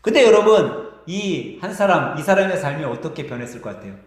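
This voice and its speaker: Storytelling pastor in an echoey church. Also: male voice, fairly high pitch, sing-song, brisk. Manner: vivid storyteller, varied pace. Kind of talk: sermon with acted storytelling. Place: church sanctuary.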